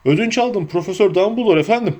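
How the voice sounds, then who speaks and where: A man voicing a huge, bearded, gentle giant who speaks dutifully and breaks into sobbing stammers. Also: high-pitched, quick pace, voice pushed up, close to an everyday voice. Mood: respectful.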